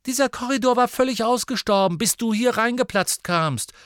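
A man voicing a fiery, sharp-tongued teenage girl who mocks and shouts in shrill, rapid outbursts. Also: clear, resonant tone, no room sound, studio quality. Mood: defiant.

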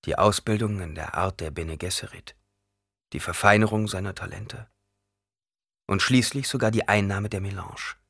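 Male audiobook narrator, low husky voice, lively dramatic reading, dry sound. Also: normal speed, no room sound.

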